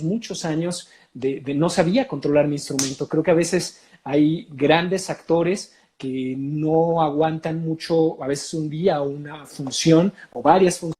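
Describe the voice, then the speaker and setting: A man with a Mexican accent, a voice coach talking in an interview, explaining in an animated way with many filler sounds. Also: a little high. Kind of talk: casual interview talk.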